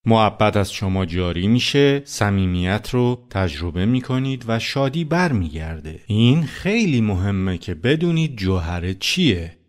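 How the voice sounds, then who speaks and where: A man's voice: lowish voice, very animated, hardly any pauses. A man preaching a sermon as a pastor, talking conversationally and putting many rhetorical questions to his listeners.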